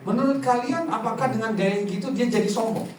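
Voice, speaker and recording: Male pastor, playful sermon delivery with quick mimicked asides; distant mic, roomy hall. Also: very high-pitched, noisy background. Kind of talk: lively preaching with acted-out anecdotes.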